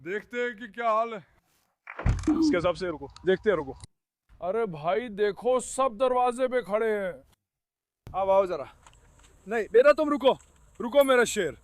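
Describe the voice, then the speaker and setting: High-voiced man coaxing his dogs. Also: expressive, a little slow, long pauses, slight background noise. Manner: coaxing and scolding dogs, calling them son. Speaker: farm vlogger with dogs. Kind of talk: casual talk to dogs and viewers.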